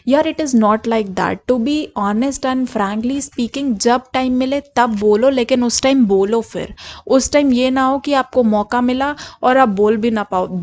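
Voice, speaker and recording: A young adult woman tutor giving exam tips in a spoken lesson, switching between Hindi and English, slow and deliberate on English sentences and often checking in with her listeners. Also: fairly high pitch, darkish tone. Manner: mixes Hindi and English, asks "ठीक है?" to check in.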